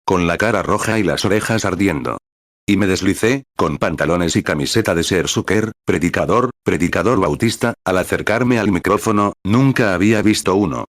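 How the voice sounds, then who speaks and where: A man with a very low voice reads a translated sermon as a personal life story. He keeps a plain storytelling manner and calls out each paragraph number as he goes. The sound is dry and close, with no room echo. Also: moderate pace. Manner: reads paragraph numbers aloud between passages. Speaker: sermon reader.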